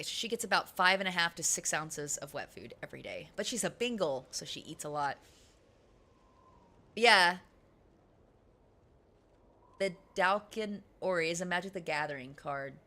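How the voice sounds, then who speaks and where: A woman game streamer chatting casually with her live audience, giggly and animated, laughing often. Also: fairly low pitch, normal speed.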